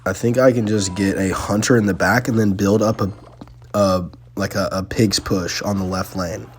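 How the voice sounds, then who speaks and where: A young man giving casual, excitable live commentary on his own gameplay, talking slangily to his viewers. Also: lowish voice, moderate pace, slight background noise. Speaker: gaming channel host. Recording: faint music underneath.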